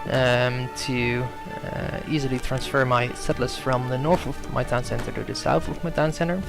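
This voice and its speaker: A young man whose first language is Dutch casually commentates on his own strategy game match in a gravelly, medium-pitched voice, at a moderate pace and with fairly even intonation. He hesitates often, fills pauses with ums and corrects himself mid-sentence, while clear music plays underneath.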